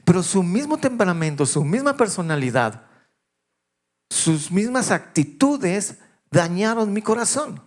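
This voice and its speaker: A man, his voice sitting a little high for a man. He tells his own stories in a confessional way, sinking to near whispers and then lifting his voice again. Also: big pitch swings, unhurried. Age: 50s. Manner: personal confessional storytelling, shifting between hushed and raised voice. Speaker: pastor. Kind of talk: sermon.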